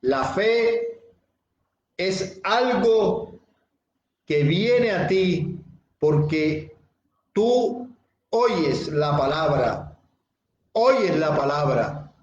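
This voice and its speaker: A male pastor preaching a sermon slowly and deliberately, repeating key phrases and speaking straight to his listeners. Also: high-pitched, darkish tone, roomy sound, lo-fi sound, a little hiss or hum.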